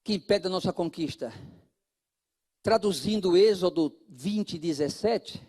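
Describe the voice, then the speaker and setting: A Brazilian Portuguese-accented man preaching a sermon as pastor, talking straight to his congregation and swinging between loud calls and hushed asides. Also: sits high, a little slow.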